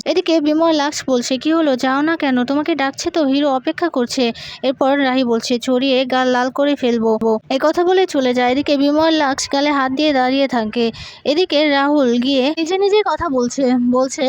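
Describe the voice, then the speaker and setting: A woman's voice: sits high, no echo. A woman retelling a TV serial episode in plain storytelling, reading every character's lines in her own voice with little change and the odd filler.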